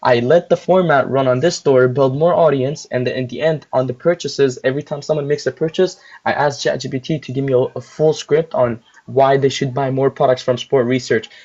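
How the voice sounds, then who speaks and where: A man's voice: mid-range voice, steady tone, brisk, hardly any pauses, a little mellow. A young man chatting casually on a livestream as a guest store owner, rambling with lots of filler words while chewing gum. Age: young adult. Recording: muffled lo-fi audio.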